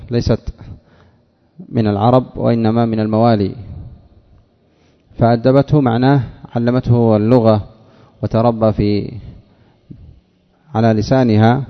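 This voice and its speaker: A sheikh with a gravelly, mid-range voice teaches Arabic morphology in a hall, quizzing his students and repeating examples slowly during a classroom lesson. The recording is dull and lo-fi, with the hall's reverberation audible.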